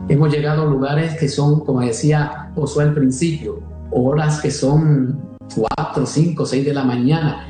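A man's voice: on the high side, steady tone, normal speed, mellow, heavy reverb, faint music behind, poor audio. A religious brother in his fifties, speaking in a conversational interview with frequent hesitations and restarts. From Puerto Rico. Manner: hesitant, many restarts and fillers.

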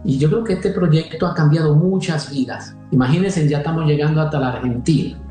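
A man's voice: fairly high pitch, a little fast, dark tone, heavy reverb, soft background music, low-quality recording. A religious brother in his fifties, speaking in a conversational interview with frequent hesitations and restarts. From Puerto Rico. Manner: hesitant, many restarts and fillers.

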